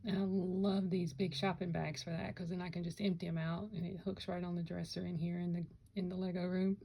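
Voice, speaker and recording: A woman's voice: on the low side, little pitch movement, fairly quick, creaky, dark tone, breathy edge, low-quality recording. A woman chatting casually to camera about her Lego builds, rambling and correcting herself, with hiccups. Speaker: Lego vlogger. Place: home Lego room.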